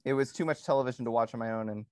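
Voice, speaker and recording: A man co-hosting a podcast in casual conversation, pausing often with ums and restarting his sentences. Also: mid-range voice, dry recording, studio quality. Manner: hesitant, many ums and restarts. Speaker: podcast co-host.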